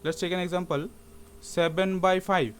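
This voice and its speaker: A man's voice: fairly high pitch, fairly even intonation, very slow, slight background noise. A man teaching a math lesson in a classroom-lecture style, often asking his students rhetorical questions and slipping English terms into his speech.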